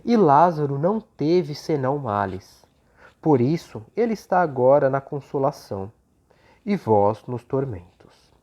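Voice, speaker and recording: A Brazilian speaker leading an unhurried religious talk in short, gently explanatory phrases, with a voice slightly off from recovering from flu. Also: medium pitch, very animated. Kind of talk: prayer and informal religious talk with scripture reading. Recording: dull, lo-fi sound.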